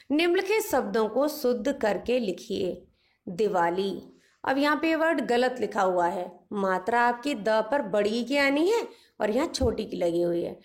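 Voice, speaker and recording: A woman teaches a spelling lesson at an unhurried pace, saying each word twice before explaining how to correct it. Her voice sits slightly high. She drops English phrases into her explanations. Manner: repeats each word twice, slow and deliberate. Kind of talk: spelling lesson, reading words aloud.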